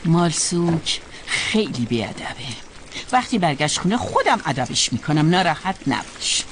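A woman dubbing a motherly figure who asks sharp questions and promises to discipline the niece. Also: deep voice, sing-song, a little hiss or hum. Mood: brisk. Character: motherly older woman, firm but caring. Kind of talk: dubbed drama acting.

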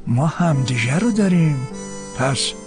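A man's voice: a little high, animated, music in the background, close to an everyday voice. A man dubbing a patient husband who soothes his tearful wife. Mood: soothing. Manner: soothing, reassuring. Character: gentle comforting husband, patient and warm-hearted. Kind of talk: dubbed drama acting.

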